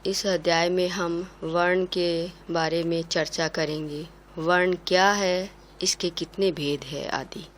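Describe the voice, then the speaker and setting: Slow, careful woman teaching. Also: fairly low pitch, steady tone, a little hiss or hum. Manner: slow, careful, spells out each sound. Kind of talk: classroom lesson.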